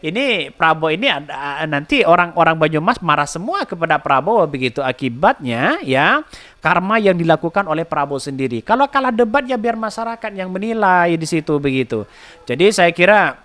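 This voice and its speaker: A man's voice: fairly high pitch, pushed and bright. A man hosting a podcast, giving a rambling political commentary full of rhetorical questions and repeated filler tags. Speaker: podcast host.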